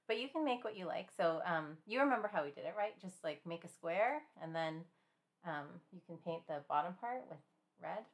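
Woman art instructor, relaxed live-stream class; gentle, chatty, laughs often. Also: lowish voice, moderate pace, long pauses.

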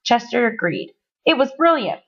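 A woman reads a children's story aloud, expressive and playful. Her voice sits fairly high, and the recording sounds dull and lo-fi. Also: moderate pace. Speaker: storybook reader.

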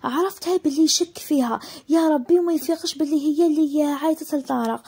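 A woman's voice: high voice, fast talker, warm tone. A woman narrating a dramatic first-person story.

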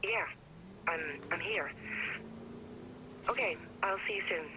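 A woman plays a cool, loyal female accomplice in a video game. Her mid-pitched voice comes over a phone call with noise around it. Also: slow pace, lightly acted. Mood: calm, supportive. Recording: phone call with noisy ambience.

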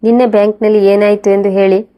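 A woman's voice: mid-range voice, flat delivery, quick pace, lo-fi sound, close to an everyday voice. A woman voicing a stern middle-aged police detective with a formal, businesslike manner.

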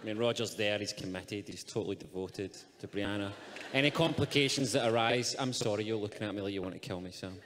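A man's voice: lowish voice, fast, heavy background noise. A man actor on a festival panel, speaking in a joking, teasing way. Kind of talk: panel talk. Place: festival stage.

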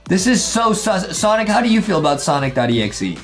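A man hosting a gaming video, jokey and excitable, swinging from hushed mock dread to squeals. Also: sits high, a little fast, faint music behind. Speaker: host.

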